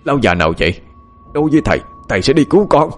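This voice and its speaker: A man voicing a grieving older village father in a spoken ghost story, halting and choked with emotion. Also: medium pitch, sing-song, soft background music, pitched above the performer's own voice, lightly acted. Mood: choked, urgent.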